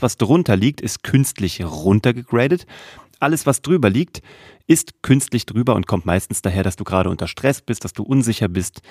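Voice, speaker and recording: Low-voiced German podcast host, coaching. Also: male voice, no echo, clean studio sound. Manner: lively, coaching, chatty with fillers. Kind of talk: solo podcast voice tips.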